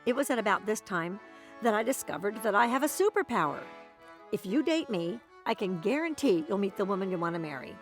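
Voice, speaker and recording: A woman narrating her own documentary in a wry, dry storytelling manner. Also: medium pitch.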